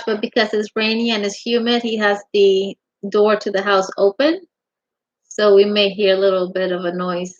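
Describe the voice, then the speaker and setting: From her craft room at home, a middle-aged woman with a slightly high voice hosts a relaxed livestream. She welcomes every viewer warmly, calling them honey, and the sound is dull and lo-fi, typical of a home stream.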